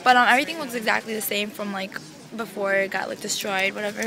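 A woman's voice: medium pitch, fairly even intonation, fast, creaky, crowd noise. A teenage girl chatting casually in a daily vlog, rambling with lots of filler words. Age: teens. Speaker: vlogger.

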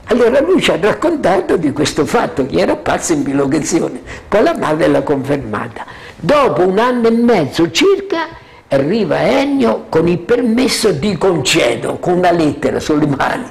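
A man's voice: on the high side, normal speed, gravelly. An older man telling his memories in a loose, rambling way, often checking that listeners follow. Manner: freewheeling, keeps asking "capito?"; animated storyteller, chuckles often. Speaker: witness sharing memories. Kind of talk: rambling spoken recollection.

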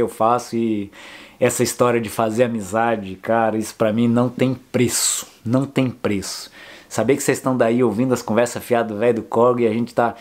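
An older Brazilian man, a motorcycle travel vlogger, telling road stories to camera in a lively, jokey, colloquial way. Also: mid-range voice. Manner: animated, jokey, colloquial storytelling. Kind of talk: casual storytelling to camera.

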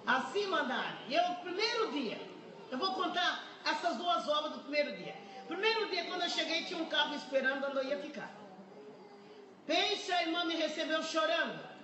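An older Brazilian woman in her seventies tells a church testimony with lively humor and emotion. She speaks with a Brazilian Portuguese accent. Her voice comes from a distance in an echoey hall, over clear background noise. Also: high voice, normal speed. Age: 70s. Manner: lively, humorous storytelling, often laughing. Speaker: church member giving a testimony.

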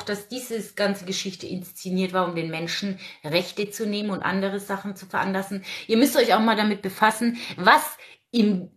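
A woman's voice: medium pitch, fairly bright tone. A woman in her forties hosting a casual livestream, outspoken and ranting while reading out viewer comments. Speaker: livestream host.

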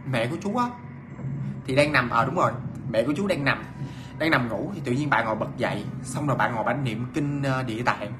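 A man's voice: medium pitch, brisk, noisy background. A man telling a ghost story in a casual, chatty way, repeating himself with many fillers and restarts.

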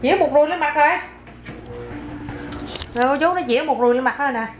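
A woman's voice: high voice, quick pace, lo-fi sound, faint music behind. A woman, a mother filming her toddler in a casual home vlog, chatty and exclaiming as she coaxes the child.

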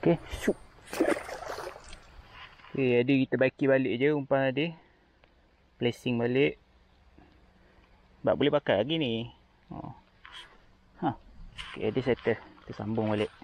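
Out on a riverbank, a Kelantanese-accented Malay man vlogs his fishing, chatty and bursting into excited exclamations as he reels in catches. Recorded lo-fi through a body-worn action camera on his chest or head, his voice is medium-pitched.

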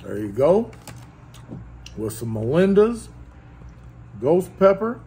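A man hosts a casual food review vlog from a restaurant table, with faint dining-room noise behind him. His voice is a little high and warm, very animated, and he takes his time. He's folksy and chatty, laughing between bites.

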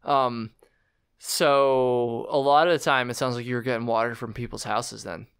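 A young man hosting a podcast, chatting casually in a relaxed, slangy way. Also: medium pitch, moderate pace, gravelly, clean tone. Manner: relaxed, slangy, laughs easily. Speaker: podcast host. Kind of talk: casual interview chat.

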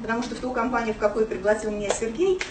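Woman in her 30s telling her story to a room, quick and lively, echoey distant sound. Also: fairly high pitch, noisy background. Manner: chatty, storytelling with many fillers. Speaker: speaker at a business meeting. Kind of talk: personal story talk to an audience. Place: small office room. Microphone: far camera, no mic. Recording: roomy, distant camera sound.

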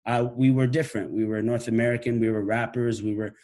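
A man's voice: mid-range voice, steady tone, fast, darkish tone. Thoughtful man talking on a video call. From Iraq. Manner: thoughtful, restarts phrases, gestures with hands. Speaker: musician and professor. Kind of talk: reflective talk to camera. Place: living room at home. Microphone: laptop webcam video call.

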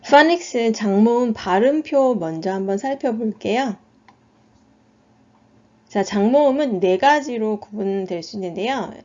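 A woman with a Korean accent, teaching phonics at an unhurried, deliberate pace. She says each example sound twice with patient care. The recording is a little dull and lo-fi. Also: a little high, expressive, warm tone. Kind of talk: phonics lesson explanation.

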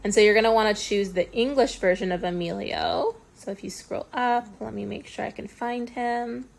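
A woman speech-language pathologist giving a casual step-by-step software tutorial, explaining as she clicks, with frequent ums. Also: mid-range voice, steady tone, normal speed, creaky. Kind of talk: screen-recorded software tutorial.

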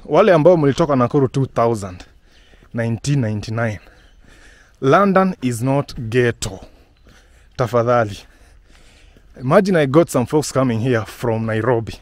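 A Kenyan-accented vlogger and house-hunting guide walks down a residential street filming on his phone, chatting casually. His medium-pitched voice is lively; he mixes English and Swahili and laughs often, with no room sound.

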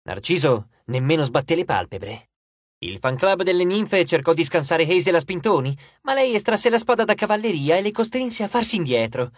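Man, audiobook narration, expressive, animated pitch, dry close recording. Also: dry recording. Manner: expressive, measured storytelling. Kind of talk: scripted narration.

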